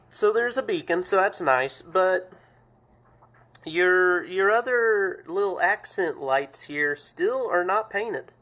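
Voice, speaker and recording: A man's voice: fairly high pitch, pushed and bright. A man giving a casual show-and-tell review of a farm toy, plain-spoken and thinking aloud with frequent ums and self-corrections.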